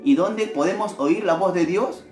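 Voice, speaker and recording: A male missionary preacher delivering a devotional sermon in an animated way, often asking his listeners rhetorical questions. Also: high-pitched, moderate pace. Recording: echoey room with faint music.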